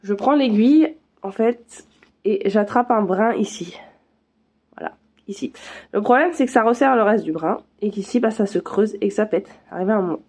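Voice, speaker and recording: A woman's voice: medium pitch, animated, normal speed, a little mellow. A woman vlogger chatting casually through a craft unboxing, full of fillers and restarts.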